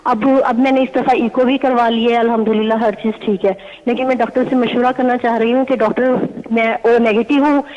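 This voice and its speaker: پاکستان سے ایک خاتون کالر، دھیمی آواز میں پریشانی سے اپنا مسئلہ دہراتی ہے۔. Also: female voice, fairly high pitch, steady tone. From Pakistan. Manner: soft-spoken, worried, repeats herself. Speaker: caller. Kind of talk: phone call to a show. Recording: dull phone line played in reverberant studio.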